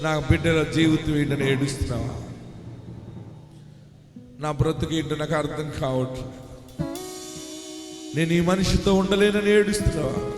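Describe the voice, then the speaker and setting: Man, pastor, fervent shouting prayer, high voice, long hall reverb, music underneath. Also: moderate pace, pauses often. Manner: fervent, often shouting and crying out. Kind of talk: impassioned prayer sermon.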